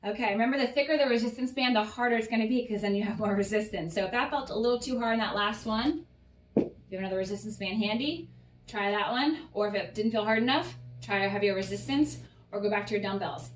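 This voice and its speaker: A woman's voice: mid-range voice, fast, far from the mic, a little hiss or hum. A woman fitness coach guiding a workout, encouraging and cueing each breath and rep, a little out of breath. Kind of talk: workout instruction. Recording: roomy sound, voice off-mic.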